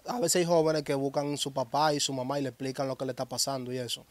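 A man interviewing a guest, gently probing with follow-up questions. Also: mid-range voice, flat delivery, fast.

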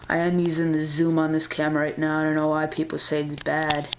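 A man's voice: on the high side, monotone, brisk, noisy background. A man who is sick, with a strained throat, giving a casual video update about his aquarium. He rambles in a laid-back way, with lots of fillers and slang. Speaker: aquarium hobbyist vlogger.

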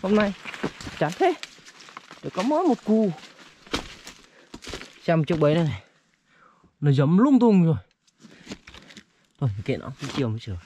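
A man with a fairly high voice hosts a casual outdoor vlog. He talks chattily, hesitating and doubling back on words. Faint outdoor noise sits behind him. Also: very animated, normal speed, long pauses, dark tone, highs cut off. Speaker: vlogger, host. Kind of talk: casual outdoor vlog chat while walking. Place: outdoors in forest.

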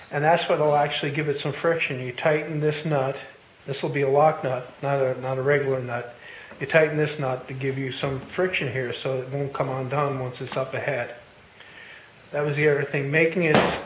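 A man hosting a woodworking video, casually walking through his build with plenty of fillers and restarts. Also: a little high. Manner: relaxed, explanatory, with many fillers and restarts. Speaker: woodworking channel host. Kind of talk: casual shop walkthrough narration. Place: home woodworking shop, indoors. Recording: roomy workshop with faint noise.

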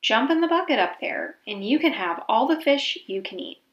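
A sly storybook rabbit acted by a woman schemes in a playful trickster tale voice. He calls out cheekily at a raised pitch, in an echoey room. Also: big pitch swings, normal speed, dull audio. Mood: coaxing.

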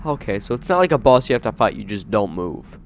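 A man hosting a gaming channel, giving jokey, excitable let's play commentary and talking to himself. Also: lowish voice, quick pace, creaky, a little hiss or hum.

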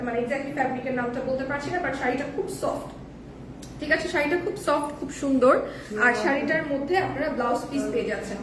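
Hoarse woman host, chatty live seller, high voice, recorded from a distance with noise behind. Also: roomy sound. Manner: chatty, reads viewer comments, mixes in English. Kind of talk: live-stream saree selling.

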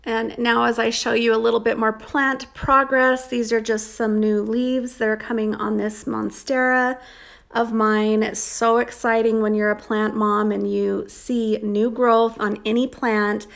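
A woman's voice: fairly high pitch, level tone, a little slow, creaky. A woman in her thirties narrating a casual home vlog, chatty and upbeat with frequent ums. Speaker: vlogger.

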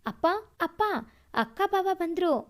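A woman's voice: high voice, moderate pace. A woman voicing a playful, teasing young brother in a storybook reading. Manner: teasing, lively.

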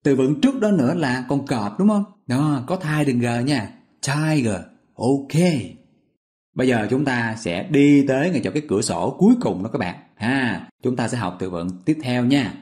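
Man, medium pitch, patient teacher, explains step by step, quizzes listeners. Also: animated, moderate pace, darkish tone. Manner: patient, repetitive, asks listeners questions. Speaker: English vocabulary teacher. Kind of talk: explaining memory tricks step by step.

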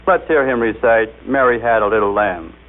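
On a tinny 1939 radio broadcast, a man demonstrates a machine in a scripted segment, jovially explaining as he coaxes it along. His voice is on the low side at a moderate pace, with slight background noise.

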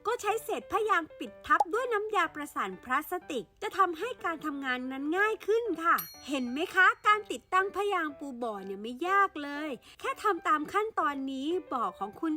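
A woman narrates a how-to guide in a scripted voice-over. Her voice sits very high and sounds bright and forceful. She explains each step politely and carefully, with faint music playing behind her.

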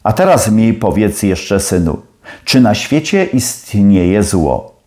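A man's voice: on the low side, big pitch swings, slow, a little mellow. A man playing a stern older professor who presses his questions in a challenging, probing way.

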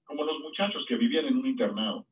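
A man preaching a sermon, with sudden high-pitched emphasis on key words. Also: quick pace, distant mic, narrow, tinny audio, a little hiss or hum. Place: church.

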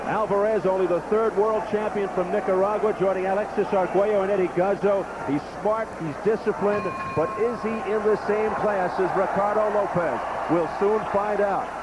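A man's voice: high-pitched, fairly even intonation, normal speed, hardly any pauses. A man calling boxing as a play-by-play broadcast commentator, in punchy short phrases. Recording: very noisy arena broadcast.

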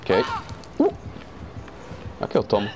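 A young man with a Brazilian Portuguese accent, casually commenting on his gameplay, excitable and joking, a bit groggy from medication. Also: slow, soft background music. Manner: excitable, yelps and jokes at the game. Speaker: gameplay streamer.

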